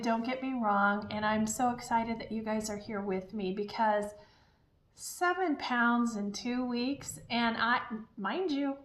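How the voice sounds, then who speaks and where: Woman, slightly high pitch, casual vlog chat, upbeat, encouraging, very echoey room. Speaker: diet vlogger. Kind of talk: casual chatty vlog talk.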